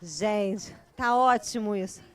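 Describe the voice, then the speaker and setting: A woman's voice: medium pitch, slow pace, clear, resonant tone. A Brazilian woman with a Brazilian Portuguese accent giving an informal, humorous classroom lecture, acting out the voices of the people in her stories. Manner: animated and humorous, acts out quoted voices. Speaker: lecturer of a spiritist psychology course.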